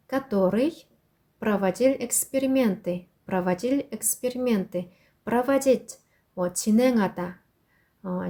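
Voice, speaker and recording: A woman teaching Russian as a host, reading phrases slowly and carefully, then explaining them briskly. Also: mid-range voice, warm tone. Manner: reads Russian slowly and deliberately, explains quickly in Korean. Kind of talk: language lesson explaining a quiz.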